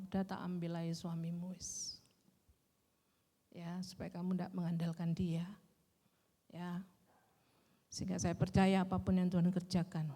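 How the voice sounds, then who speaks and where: A middle-aged woman preaching a gentle sermon, often adding "ya" and "kan gitu". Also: mid-range voice. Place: large church hall. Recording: long church reverb.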